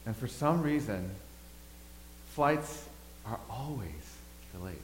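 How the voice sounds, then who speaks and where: Pastor, male, preaches a sermon with loud peaks and hushed lines, reverberant sanctuary. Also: medium pitch, animated, takes it slowly. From Thailand. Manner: dynamic, swings between loud emphasis and quiet asides. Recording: echoey hall, faint hum.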